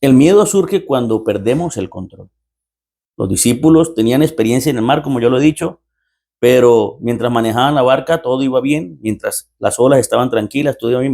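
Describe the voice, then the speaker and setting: A man's voice: mid-range voice, brisk, mellow. A man preaching as a pastor, telling a story with repeated rhetorical lines and acting out the dialogue. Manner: repetitive rhetorical phrasing, acts out dialogue. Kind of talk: storytelling sermon.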